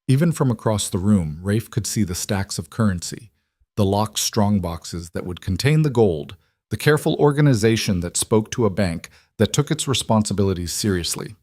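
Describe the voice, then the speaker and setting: A man with a low voice tells a scripted Western story in a steady, measured way. His voice sounds close and dry, with no room echo around it. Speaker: narrator.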